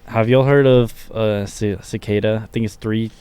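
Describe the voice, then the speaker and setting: A man's voice: on the low side, fairly even intonation, moderate pace, warm tone, clean tone, no echo. A young man, co-hosting a casual podcast chat, unsure of the details and stumbling through restarts. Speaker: podcast co-host.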